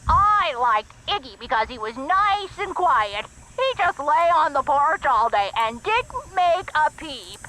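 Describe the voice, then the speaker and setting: A woman's voice: sits high, slow pace, exaggerated voice, poor audio. A spunky old lady. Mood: chatty. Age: older. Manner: lively, reminiscing, a little fussy. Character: spunky old woman, chatty and frank. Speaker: game character. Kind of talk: video game voice acting.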